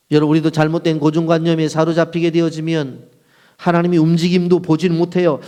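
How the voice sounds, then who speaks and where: Male pastor, sermon delivery; slightly higher voice, rhetorical questions, quoted lines acted out. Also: darkish tone. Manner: asks the congregation rhetorical questions and answers them; acts out quoted lines in short bursts.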